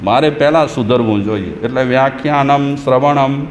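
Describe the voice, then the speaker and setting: A man's voice: mid-range voice, fairly even intonation, moderate pace. A man, a Jain monk, giving a sermon in a conversational, humorous way and chanting verses in between. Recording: echoey hall with faint noise.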